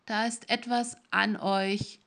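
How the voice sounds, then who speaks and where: A woman voicing a fearful old male priest with a raspy, trembling, cracking voice. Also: high-pitched, level tone, takes it slowly, bright, forceful tone, heavily acted. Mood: alarmed. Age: older.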